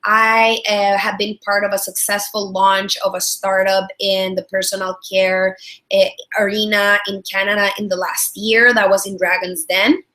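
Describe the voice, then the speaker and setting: In a friendly business webinar training, a product strategist and trainer from El Salvador, a woman in her thirties, speaks with a Salvadoran Spanish accent, repeating words and using lots of fillers. Her medium-pitched voice is level, pushed and bright, at a moderate pace.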